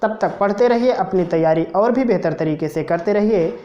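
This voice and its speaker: A woman's voice: medium pitch, normal speed, dark tone. A woman teaching a math lesson, patiently talking through each step of a proof aloud. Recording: dull lo-fi recording.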